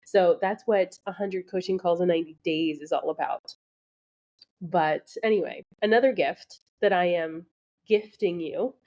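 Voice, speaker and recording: A woman with a warm, mid-range voice hosts her own podcast as a beauty business coach, heard on dull audio. She chats casually and encouragingly with lots of ums, sounding a bit nasal and congested from allergies.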